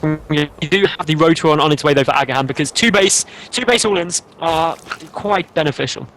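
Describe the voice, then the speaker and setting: A man commentates a video game match with a playful, teasing streak and takes time to explain the builds. His voice is a little higher than most men's. A faint hiss sits underneath. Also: fairly quick, fairly bright tone. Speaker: esports caster.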